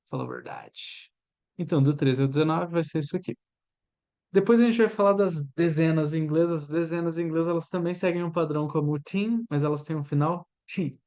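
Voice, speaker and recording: A Brazilian man in his thirties with a Brazilian Portuguese accent, an English teacher giving a chatty lesson and drilling pronunciation with slow repeats. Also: fairly high pitch, a little mellow, highs cut off. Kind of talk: informal language lesson.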